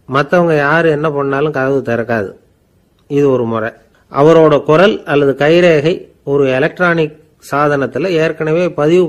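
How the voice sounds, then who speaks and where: A man with a fairly high speaking voice spins anecdotes and folk tales for listeners at home. He talks in an easy, unhurried way and fills his pauses with drawn-out "ah" sounds. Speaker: storyteller. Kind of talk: casual anecdotal storytelling.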